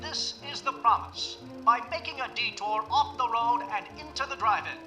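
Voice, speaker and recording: A man playing a peppy 1930s newsreel announcer, narrating in a brisk, showy promotional way over faint music. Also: very high voice. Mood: upbeat promotional.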